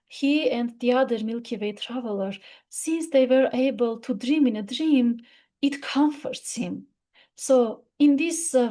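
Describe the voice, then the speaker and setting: A woman whose first language is Armenian, thinking aloud about a poem. Her voice is mellow and a little high. She pauses often, restarts her sentences and fills gaps with small hesitations. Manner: thoughtful, halting, many fillers and restarts. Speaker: literature commentator. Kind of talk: unscripted talk on a poem.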